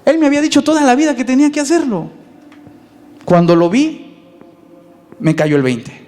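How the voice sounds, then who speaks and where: A man with a Mexican accent preaching a sermon as pastor, lively and conversational, asking his listeners questions. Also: very high voice, normal speed. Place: church. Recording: long reverb in a church hall.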